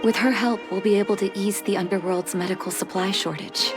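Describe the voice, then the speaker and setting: A woman's voice: medium pitch, steady tone, fairly quick, lightly acted. An actress playing a caring young woman doctor reuniting with her mother, earnest and emotional, over game music. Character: grown daughter, a caring doctor. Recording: game score underneath.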